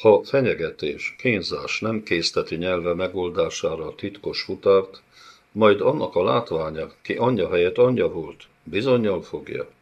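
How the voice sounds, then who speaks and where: A man narrating a fantasy novel as an audiobook, telling the story in a steady, dramatic way. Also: low voice, slightly rough, dull audio.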